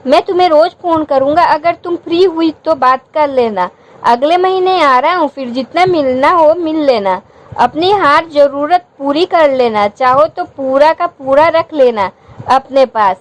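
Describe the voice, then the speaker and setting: Female narrator doing a playful, teasing young husband; storybook read, high pitch. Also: a little slow.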